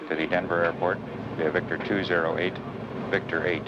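A man working as an air traffic controller, reading out a route clearance in short phrases. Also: low-pitched, flat delivery, a little fast. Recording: dull radio transmission with very loud noise.

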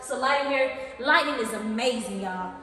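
A woman's voice: a little high, normal speed, a crowd in the background. A woman in her twenties giving a casual, slangy house tour vlog, calling out to viewers and hyping each room. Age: 20s. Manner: hype, slangy, addresses viewers as y'all. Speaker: vlog host. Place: empty house, indoors, bare rooms. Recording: echoey empty rooms with loud music.

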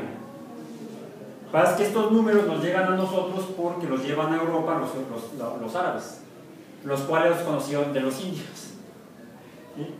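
A man's voice: on the high side, a little hiss or hum. A Mexican man teaching a university math class, joking and asking the students questions. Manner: jokey, asks the class questions. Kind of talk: classroom lecture. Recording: echoey classroom from far off.

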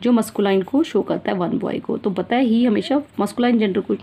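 A woman's voice: medium pitch, fairly quick, vocal fry, dark tone, breathy edge. An Indian woman teaching an English grammar lesson to children, mixing Hindi and English and often checking that her pupils follow. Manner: mixes Hindi and English, calls pupils "beta", repeats and checks "theek hai na". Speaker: school teacher.

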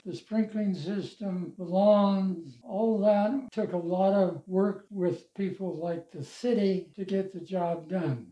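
This is a reminiscing interview with a high-pitched older man, a longtime church member, who sits in an armchair at home. He is a slow storyteller who laughs softly now and then while recalling his life and church work in a relaxed way. The lavalier-mic audio is roomy and a little dull.

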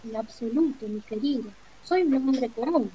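A woman's voice: fairly high pitch, normal speed, mellow, slightly rough, poor audio. A woman voicing a frightened old male humbug wizard who pleads nervously. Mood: timid.

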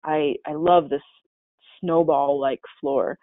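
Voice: medium pitch, steady tone, slow pace, no room sound. A caver giving a casual, chatty slide-show presentation in a webinar, with many fillers and restarts. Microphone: webinar call mic. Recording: tinny, dry webinar call audio.

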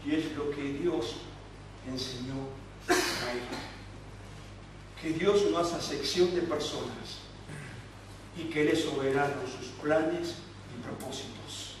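A man with an Argentine accent preaching a sermon, moving between quiet asides and rising, emphatic exhortation. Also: fairly high pitch, slow, pauses often. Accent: Argentine Spanish. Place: church hall. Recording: echoey church room, distant mic, faint noise.

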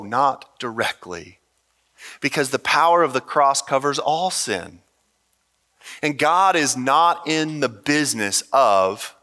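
A pastor preaching a sermon to his church in an earnest, conversational way, pausing often to talk straight to his listeners. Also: a little high, pushed and bright, big-room sound. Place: church stage.

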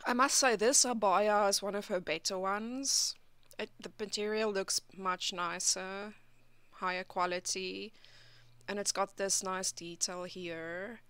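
A woman's voice: medium pitch, steady tone, measured pace, fairly bright tone, clean tone, dry recording. A woman hosting a reaction channel, giving skeptical and critical commentary.

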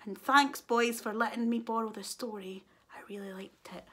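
A woman reading a children's picture book aloud, giving the animals voices and adding soft whispered asides. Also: on the high side, fairly even intonation, moderate pace. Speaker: storyteller.

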